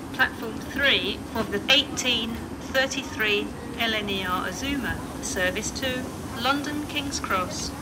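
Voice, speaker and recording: A woman's recorded voice making train station announcements over loudspeakers, slow and measured, her words evenly spaced. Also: mid-range voice, very noisy. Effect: train station public address announcement over loudspeakers. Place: railway station platform.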